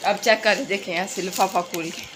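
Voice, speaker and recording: A woman's voice: medium pitch, steady tone, moderate pace, background noise. A woman chatting casually to her viewers as friends in a home vlog, filmed on a phone. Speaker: family vlogger. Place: family home indoors.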